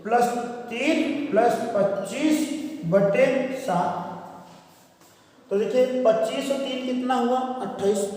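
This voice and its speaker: A man's voice: very high voice, takes it slowly, darkish tone. A man teaching a classroom math lesson, asking questions and answering them himself. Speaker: reasoning teacher. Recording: echoey room, voice far from the mic.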